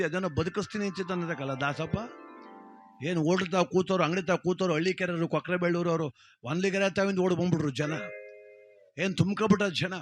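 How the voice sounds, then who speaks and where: A man telling a village story in a lively, rustic, colloquial way as part of a motivational talk. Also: sits high.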